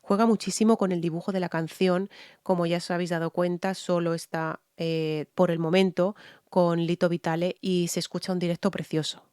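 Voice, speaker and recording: A woman's voice: on the low side, level tone, fairly quick, darkish tone, smooth, no echo, studio quality. A woman from Spain with a Spanish accent, a vocal coach giving a candid, explanatory analysis of a singer's voice in a reaction video, often checking in with her listeners. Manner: frank, explanatory, frequent "¿vale?" check-ins.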